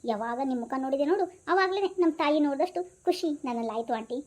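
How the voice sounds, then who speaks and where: A woman voicing an emotional young man who calls the older woman aunty, speaking softly and pleadingly. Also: high-pitched, lively intonation, fast talker.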